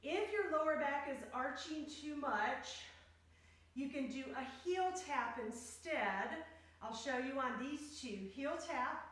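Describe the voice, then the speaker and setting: A woman's voice: sits high, expressive, takes it slowly, fairly bright tone. A woman fitness instructor leading an exercise class, giving step-by-step cues and counting reps in short phrases. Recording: very echoey room, distant microphone.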